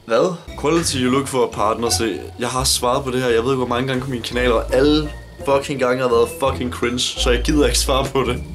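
A man's voice: mid-range voice, fairly even intonation, over music. A nineteen-year-old man from Denmark answering viewer questions in a casual vlog, blunt, joking and swearing a lot. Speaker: YouTuber.

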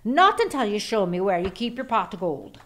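A woman's voice: medium pitch, very animated, moderate pace, lightly acted. A woman voicing a lazy, self-pitying Irish farmer husband in a storybook read-aloud, whining and dramatic. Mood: insistent.

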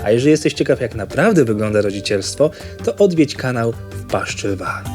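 A male video host addresses viewers in an outro. His voice has medium pitch, with faint music underneath. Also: very animated, brisk, a little mellow.

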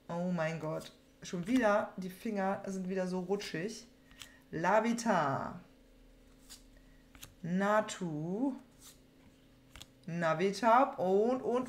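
Indoors in a small room at home, a young adult woman hosts a card-pack opening, chatting casually and informally, rambling and often repeating her phrases. Her voice sits high and a bit bright, with a roomy echo, background noise and crinkling cards in the recording.

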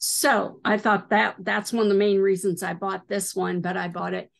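A woman's voice: medium pitch, flat delivery, moderate pace, vocal fry. A middle-aged woman hosting a needlework video, showing items in a casual, hesitant way with many fillers. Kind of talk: casual show-and-tell.

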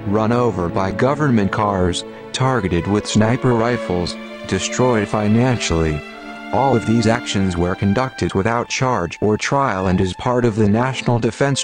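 A man reading a scripted statement as an anonymous spokesman in a disguised deep voice, grave and measured. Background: music.

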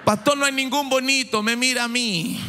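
With an extremely high, steady-toned voice at a moderate pace, a Chilean-born pastor in his forties preaches into a handheld mic. His fervent sermon before a big congregation on a large church stage rises into shouts and exclamations. There's a little hiss or hum, plus echo and music behind him.

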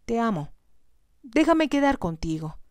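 Heartbroken young bride, read by a woman in whispered role-play, soft, pleading, dry close sound. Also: fairly high pitch, very animated, a little slow, clear, resonant tone, dry recording, voice pushed up.

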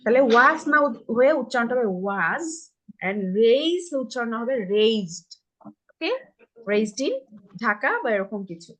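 Patient Bangladeshi woman teaching English online. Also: a little high. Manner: patient, slow model phrases, checks understanding. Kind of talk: online live class for kids. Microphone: video call.

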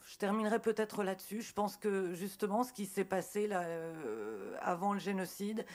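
A middle-aged woman speaking as a journalist on a conference panel in a large auditorium, reflective and halting, with many fillers. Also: medium pitch, darkish tone. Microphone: table microphone on gooseneck.

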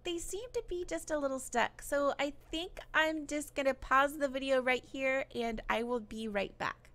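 Bright high-voiced excitable woman gamer. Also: moderate pace. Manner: excitable, exclamatory, laughs often. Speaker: gaming YouTuber. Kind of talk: casual let's-play commentary.

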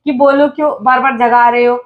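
A woman's voice: sits high, steady tone, brisk, phone-quality sound. A young woman in a home prank video, scolding her husband in an exasperated, casual way. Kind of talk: casual couple banter.

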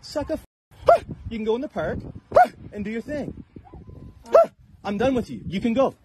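A man's voice: extremely high pitch, animated, moderate pace. A man in a heated argument in an outdoor park, repeating himself defensively and telling a woman to leave, recorded on a phone. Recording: noisy outdoor phone video.

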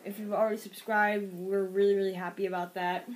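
A woman hosting her channel, chatting casually and then shouting and scolding in excited bursts. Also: mid-range voice, brisk. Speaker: channel host. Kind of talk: casual vlog chat and excited play-acting.

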